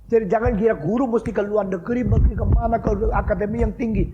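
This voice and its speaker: A man gives a university lecture, his voice sitting high and leaping up and down as he tells stories. He drops English phrases into his teaching. A faint hiss runs under the old lecture recording. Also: fast, lo-fi sound. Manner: lively storytelling, mixes in English phrases. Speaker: pastor and lecturer.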